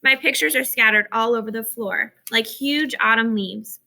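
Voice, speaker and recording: A woman narrating a children's audiobook in a steady, expressive way. Her voice is very bright and sits a little high, with a gravelly edge. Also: normal speed. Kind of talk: scripted narration of a children's novel.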